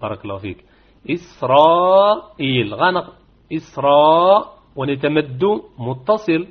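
A man teaching Quran recitation rules in an online lesson. He repeats key words and draws them out slowly to demonstrate them. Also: medium pitch, animated, narrow, tinny audio. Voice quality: husky.

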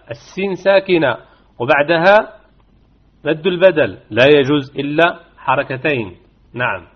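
A man teaches recitation over a video call, repeating example words slowly. His voice sits a bit high and sounds husky. The audio is dull and lo-fi. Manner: repeats key words and stretches them slowly to demonstrate. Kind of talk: online tajweed lesson.

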